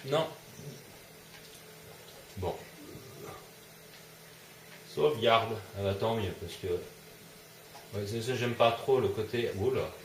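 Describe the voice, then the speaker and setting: A man's voice: fairly low pitch, takes it slowly, pauses often, reverberant, a little hiss or hum. A man commentating his own gameplay, swearing and yelping when startled. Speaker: let's play gamer.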